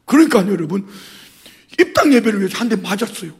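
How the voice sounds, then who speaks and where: A middle-aged man preaching a sermon as a pastor, telling stories with big swings between loud and soft. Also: high-pitched, sing-song, quick pace.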